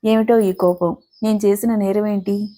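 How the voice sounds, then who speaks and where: A woman's voice: medium pitch, steady tone, normal speed, warm tone, natural voice. A woman voicing a playful, mischievous young wife who coaxes and teases her husband. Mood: teasing. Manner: coaxing, mischievous.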